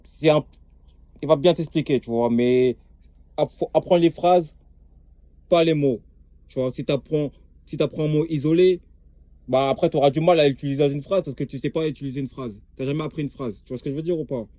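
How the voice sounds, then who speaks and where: Young male vlogger, mellow low-bright tone, streetwise and emphatic, keeps checking in with the listener. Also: a little fast, no echo, studio quality. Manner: streetwise, repetitive, emphatic, keeps asking "tu vois". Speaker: language-learning vlogger. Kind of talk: casual slangy talk to camera.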